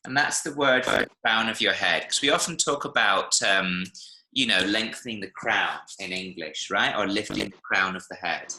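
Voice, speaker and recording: A man's voice: fairly low pitch, bright, forceful tone, echoey room, a little hiss or hum. Patient man teaching over a video call. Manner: patient, checks understanding often with "yeah?" and "right?". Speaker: Spanish teacher. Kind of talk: online one-to-one language lesson.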